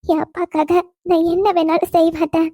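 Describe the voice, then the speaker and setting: A woman's voice: very high-pitched, flat delivery, a little fast, music in the background. A woman voicing a dutiful young woman who is devoted to her father, in a cartoon, speaking with earnest resolve. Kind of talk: cartoon voice acting.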